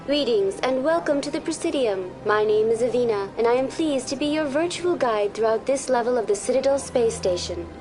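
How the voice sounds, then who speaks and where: Too-smooth android guide voiced by a woman, female program, calm and formal, fairly high voice, music playing behind. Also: brisk, hardly any pauses, lightly acted. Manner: calm, formal and evenly polite. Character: smooth, polite female virtual-intelligence tour guide. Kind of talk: video game voice acting.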